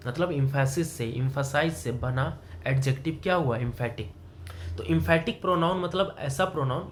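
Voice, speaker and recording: A man giving a classroom grammar lesson in a somewhat higher voice. He keeps asking the student questions and then answers them himself, moving between Hindi and English terms. Faint room noise sits behind him. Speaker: English teacher.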